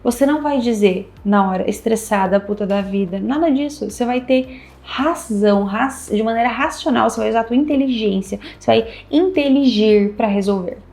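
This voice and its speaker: A woman's voice: fairly high pitch, normal speed, hardly any pauses, a little mellow, faint music behind. A Brazilian woman, a couples therapist, giving relationship advice in a casual, emphatic way and repeating her key points. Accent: Brazilian Portuguese. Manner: emphatic, repeats key phrases, acts out little dialogues. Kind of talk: casual advice talk to camera.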